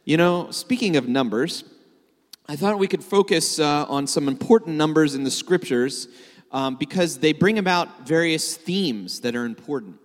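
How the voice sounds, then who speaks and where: A man's voice: a little high, expressive, normal speed. A man giving a sermon to a congregation, joking and conversational with filler words. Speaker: messianic rabbi preaching. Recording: long hall reverb.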